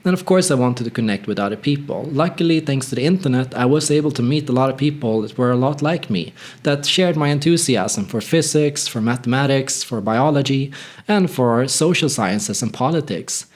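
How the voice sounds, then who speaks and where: A man's voice: mid-range voice, animated, normal speed. A man from northern Sweden, telling a personal story in a candid, reflective, conversational way. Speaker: channel host.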